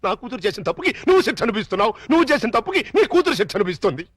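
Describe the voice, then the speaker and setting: A man's voice: high voice, big pitch swings, very fast, a bit bright, slightly rough, exaggerated voice. An actor playing an older grandfather earnestly pleading with his son-in-law to remarry. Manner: earnest, lamenting.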